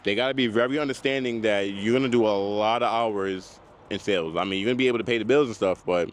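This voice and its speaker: A man's voice: on the low side, fast. A man talking casually as a car salesman giving advice in a vlog, in a conversational way that repeats points for emphasis. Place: outdoors at a car dealership. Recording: noisy outdoor lot, vehicle and dryer noise. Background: loud dryer and passing cars.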